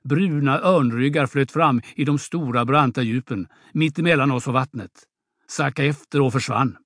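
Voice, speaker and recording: A man's voice: medium pitch, a bit bright, dry recording, studio quality, lightly acted. A man reading an audiobook drama, voicing a boastful young peasant who spins a vivid tall tale. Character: boastful young peasant braggart, swaggering storyteller.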